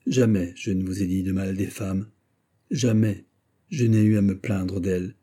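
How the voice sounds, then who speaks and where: A man reading the part of a grave older nobleman, giving measured, solemn counsel like a father. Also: low voice, fairly even intonation, mellow, slightly rough. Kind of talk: audiobook character reading.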